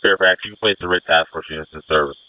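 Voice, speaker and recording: A man acting as incident commander, giving brisk orders over a two-way radio. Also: low-pitched. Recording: narrow phone-like radio channel.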